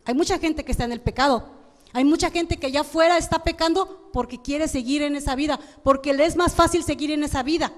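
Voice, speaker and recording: A high-pitched woman with a Mexican Spanish accent delivers a sermon as pastor. She keeps calling out to the congregation and stumbles into restarts as she goes. Her voice rings with the long reverb of a church hall. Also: fairly quick. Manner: repeats "hermanos" often, with frequent restarts.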